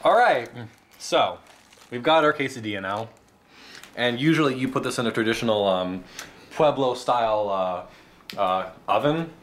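A comedic cooking segment features a man in his twenties with a medium-pitched voice, presenting a mock tutorial in a halting, deadpan style in his home kitchen. Another person holds the camera nearby, and its mic captures noisy audio and room noise.

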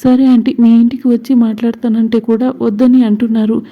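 A woman's voice: a little high, flat delivery, brisk, highs cut off, close to an everyday voice. A woman voicing a timid young woman who politely pleads. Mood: pleading.

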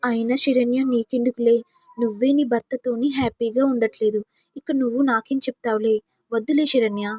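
A woman's voice: a little high, steady tone, normal speed, a little mellow, no echo, natural voice. A woman voicing a jealous, scheming young sister-in-law with mocking, sly asides.

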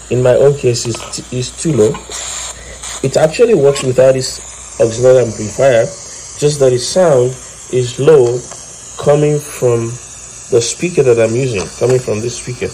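A man with a medium-pitched, dark-toned voice hosts an electronics tutorial, walking through a hands-on demonstration informally and step by step. The low-quality recording carries faint background noise.

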